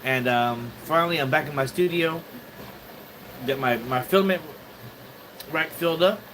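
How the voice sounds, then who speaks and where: Man, casual livestreamer greeting chat from his home studio; halting delivery, voice a bit high, audible room noise. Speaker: 3D printing livestreamer.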